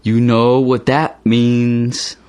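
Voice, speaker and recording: A man's voice: medium pitch, little pitch movement, extremely slow, a little mellow, smooth, no room sound. A man reading everyday dialogues aloud for English learners with a plain, careful delivery. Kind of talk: slow scripted dialogue reading.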